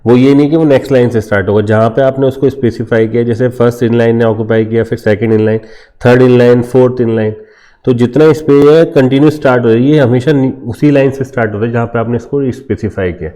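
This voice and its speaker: Mellow-voiced man teaching a coding lesson. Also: medium pitch, steady tone, fast. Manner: explains step by step, asks and answers imagined student questions. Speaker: programming teacher. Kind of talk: screen-share coding tutorial.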